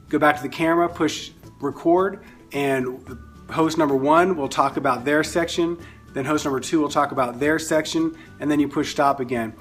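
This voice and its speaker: A man explaining step by step how to host short overview videos, in a relaxed, friendly way with frequent fillers, over light music. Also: a little high. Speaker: ministry staff instructor. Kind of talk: casual instructional explanation.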